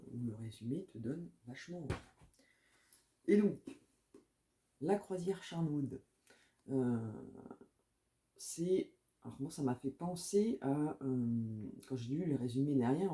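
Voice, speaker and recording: Dark-voiced chatty woman book vlogger. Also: extremely low pitch. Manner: chatty, hesitant, frequent filler sounds; reads book blurbs aloud. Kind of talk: casual chat about books.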